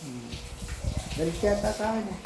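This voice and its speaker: A father in a casual home video, patiently coaxing and gently scolding his young child, repeating his questions over and over. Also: high voice, lively intonation, a little fast, echoey room, background noise. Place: home, indoors.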